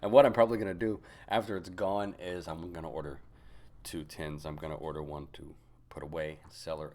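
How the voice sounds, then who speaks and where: A man with a very low voice talks through an informal review. He thinks aloud in a halting way, drifting into side remarks and picking the thread back up. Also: a little mellow, slight background noise. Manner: musing, halting, trailing into asides. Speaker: pipe tobacco reviewer. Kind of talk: casual unscripted product review.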